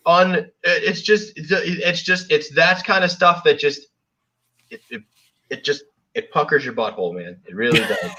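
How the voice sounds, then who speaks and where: A man's voice: fairly high pitch, normal speed, bright, forceful tone, dull audio. A man co-hosting a casual football reaction show, rambling with lots of restarts. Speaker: podcast co-host. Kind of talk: casual sports chat. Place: home, South Florida.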